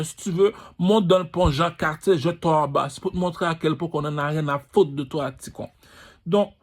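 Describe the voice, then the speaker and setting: A man with a Quebec French accent, hosting his own channel in a boastful, crude, swaggering street-talk rant. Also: a little high. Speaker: channel host. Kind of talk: ranting monologue.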